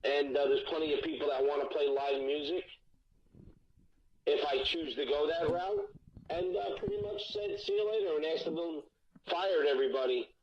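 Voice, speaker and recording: A man's voice: a little high, animated, moderate pace, slight background noise. A man calling in as a guest musician, talking bluntly and candidly with frequent restarts, heard over a speakerphone line. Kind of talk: candid phone-in interview. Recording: dull lo-fi phone line.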